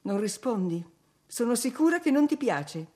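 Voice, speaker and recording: A woman voicing an imperious, quick-tempered young lady. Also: on the high side, big pitch swings, voice pushed up. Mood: insistent. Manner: sharp, commanding, scolding.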